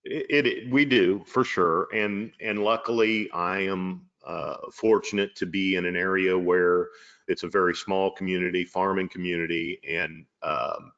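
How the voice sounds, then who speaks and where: A man with a very deep voice hosts a casual chat. He talks in an affirming, rambling way with fillers, and his voice comes through a dull, muffled video call. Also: steady tone, a little slow, fairly bright tone.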